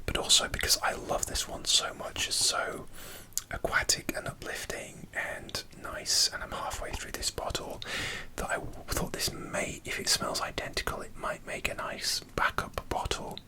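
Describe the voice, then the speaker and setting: A middle-aged ASMR creator speaking entirely in a breathy, unvoiced whisper, softly chatting in an informal way. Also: moderate pace, low-quality recording.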